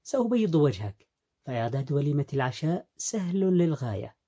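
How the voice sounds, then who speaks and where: Brief: lazy young wife, offhand and raised in pitch, mellow tone, put on by a man. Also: sing-song, fairly quick, breathy edge, heavily acted. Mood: careless. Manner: nonchalant, dismissive.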